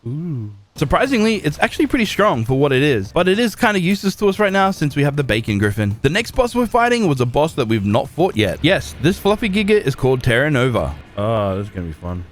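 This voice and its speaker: A young man narrating a survival game recap as a YouTuber, excitable and chatty with quick outbursts of reaction. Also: fairly high pitch. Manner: lively and excitable, with sudden exclamations. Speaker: gaming YouTuber.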